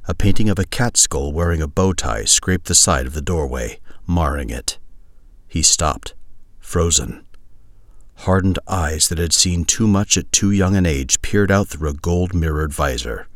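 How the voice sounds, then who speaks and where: A man narrating a crude comic sci-fi story in a measured, deadpan way. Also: very deep voice, no room sound, clean studio sound. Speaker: audiobook narrator.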